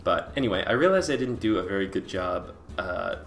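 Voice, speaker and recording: A man giving a casual, rambling voice-over in a hesitant, self-deprecating way, with vocal fry at the ends of his phrases. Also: low voice, expressive, brisk, fairly bright tone, faint music behind. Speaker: webcomic artist and video creator.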